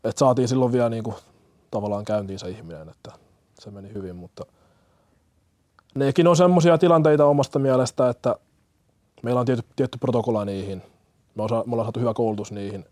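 A man's voice: medium pitch, long pauses, a little mellow, dry recording. A young man, a firefighter-paramedic from Kenya, answering interview questions earnestly with many fillers and restarts.

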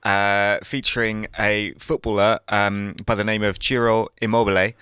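A relaxed man co-hosting a podcast late at night, speaking in a lowish but bright, crisp voice. His tone is smooth and easygoing. The mic is dry and close. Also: normal speed, dry recording. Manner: relaxed, agreeable, sleepy. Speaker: podcast co-host. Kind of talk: casual chat. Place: home room at night.

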